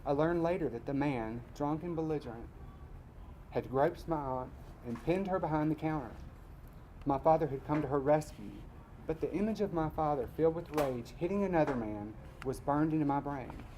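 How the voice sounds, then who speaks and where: A man from Mississippi, reading his personal essay aloud at a live event in a measured, wry way. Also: a little high, warm tone, a little hiss or hum, low-quality recording. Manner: measured storytelling, wry asides.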